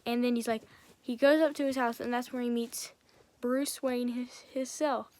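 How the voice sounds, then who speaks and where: A woman's voice: a little high, fairly even intonation, normal speed, darkish tone. Rambling woman retelling a film. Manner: rambling, strings events together with "and then". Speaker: film reviewer. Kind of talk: casual film recap.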